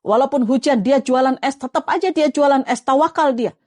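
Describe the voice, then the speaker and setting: Female preacher, high voice, dry close sound, coaxing delivery. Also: brisk, dry recording. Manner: lively, coaxing, addresses viewers as friends. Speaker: Islamic preacher. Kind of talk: live-streamed religious talk.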